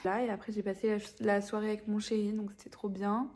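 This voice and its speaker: A woman's voice: mid-range voice, little pitch movement, fast talker, a little mellow. A young adult woman chatting casually to a vlog audience in an informal, slangy way. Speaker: vlogger and business coach.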